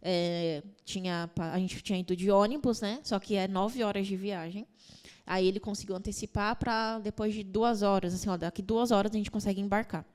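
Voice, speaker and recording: A young woman speaks as a podcast guest, telling a personal story at a rushing clip. Her voice sits at an ordinary middle pitch. She keeps slipping into other people's words as she retells it, earnest and emotional. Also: steady tone, darkish tone, smooth. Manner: rapid, emotional retelling with quoted dialogue.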